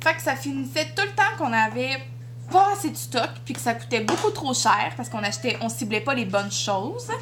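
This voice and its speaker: Chatty Québécoise mom, lively high voice. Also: female voice, moderate pace, noisy background. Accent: Quebec French. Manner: chatty, talks to her toddler in a sing-song voice. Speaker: vlogger and mother. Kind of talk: casual home vlog.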